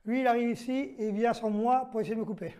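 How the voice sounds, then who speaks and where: A man's voice: extremely high pitch, fairly even intonation, fast talker, a little mellow. Man teaching knife defense by demonstration. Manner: explains step by step, checks in with "d'accord?"; counts moves aloud during physical demonstration. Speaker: self-defense instructor. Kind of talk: demonstration lesson.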